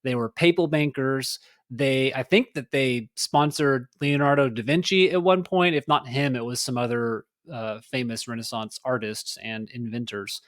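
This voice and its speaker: A man's voice: medium pitch, moderate pace, no echo, studio quality. Rambling man hosting a solo podcast. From Texas. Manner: rambling, conversational, many fillers and restarts. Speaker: podcast host. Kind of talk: casual solo political talk.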